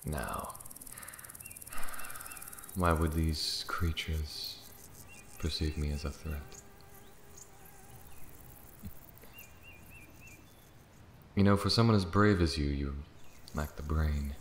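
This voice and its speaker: A man plays an ancient dragon disguised as a male elf, speaking in an extremely deep, steady voice that is proud, amused and condescending, with slow, deliberate, theatrical fantasy ASMR phrasing and occasional breathy near-whispers. The sound is roomy and echoing, with a noisy background of faint crickets and nature ambience.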